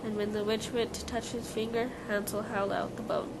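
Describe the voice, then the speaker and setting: A woman with a somewhat high voice reads scripted storybook narration aloud at normal speed, her delivery flat, now and then stumbling on a word. The live recording is clearly noisy.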